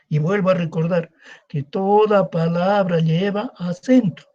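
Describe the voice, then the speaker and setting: A man's high, darkish voice comes through lo-fi sound as he delivers a recorded online lecture to secondary school students. He tends to restate points and to answer rhetorical questions he has just asked.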